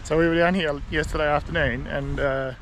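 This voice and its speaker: A man's voice: a little high, brisk. Easygoing Australian man on a windy beach. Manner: relaxed, easygoing, enthusiastic. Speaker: travel vlogger. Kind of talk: casual vlog narration. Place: outdoors on an open beach. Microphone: action camera at arm's length. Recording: wind and surf noise outdoors. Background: crashing waves.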